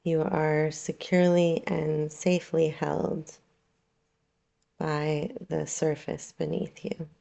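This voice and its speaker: Her voice is low and gravelly as she leads a guided yoga nidra relaxation, speaking in a soothing, unhurried way with long silences between phrases.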